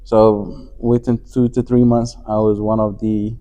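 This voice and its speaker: A company CEO from Afghanistan chats as a guest in a casual interview at a conference venue, using lots of fillers and restarts. His voice is on the low side and mellow, with a level tone and a slightly slow pace.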